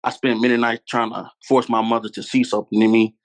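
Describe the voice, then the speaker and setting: A fast-talking man with a medium-pitched voice delivers his words flatly. He is a podcast guest from Louisiana, US, in his 20s, candidly and earnestly recounting stories in conversation and repeating his points for emphasis.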